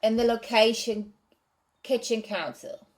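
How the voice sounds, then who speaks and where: A woman reads from her novel draft and talks it over, hesitant and pausing to rethink her wording. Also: a little high. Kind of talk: casual reading and commentary.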